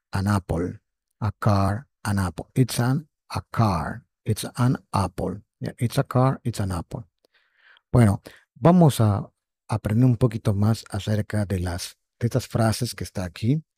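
In an online English lesson explaining grammar, a man speaks unhurriedly in a low, gravelly, husky voice with a dark tone. He patiently repeats words and keeps checking in with students. The recording is close and dry, with no room sound.

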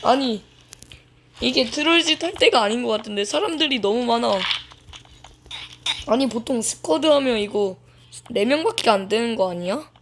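Woman gamer, casual playful play-by-play, slightly high voice with a gravelly edge. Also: expressive, moderate pace, pauses often, noisy background. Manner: playful, chatty, talks to herself while playing. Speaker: gaming YouTuber. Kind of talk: casual gameplay commentary.

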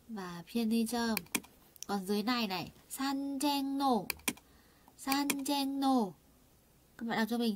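A woman teaching a Korean lesson online, chatty and full of fillers, asking her students rhetorical questions and saying words slowly for them to repeat. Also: medium pitch, background noise. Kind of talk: online lesson explaining vocabulary and grammar.

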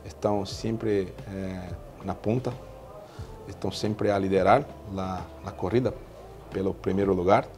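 A man in his thirties, a veterinarian, answering interview questions in Spanish with a Brazilian Portuguese accent, halting with many fillers and restarts, recorded on a lapel mic at an indoor stand. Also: deep voice, steady tone, a little mellow, a little hiss or hum. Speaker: veterinarian in equine nutrition.

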